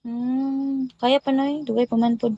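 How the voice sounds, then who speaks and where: Woman streamer on a phone, a bit high-pitched, greets viewers one after another in casual chat. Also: level tone, measured pace, warm tone, no room sound, muffled recording. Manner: chatty, rattles off viewer greetings. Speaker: livestream host.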